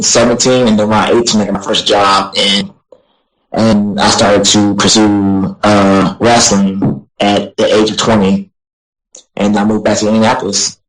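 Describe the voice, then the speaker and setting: A young man answers interview questions as a guest wrestler, rambling along with lots of fillers and apologizing as he goes. His voice sits low and stays flat, with little rise or fall. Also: rough recording. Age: young adult.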